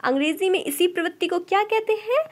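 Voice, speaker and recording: A woman's voice: extremely high pitch, quick pace. A woman teaching an exam-prep lecture, asking rhetorical questions and answering them herself. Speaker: Sanskrit teacher.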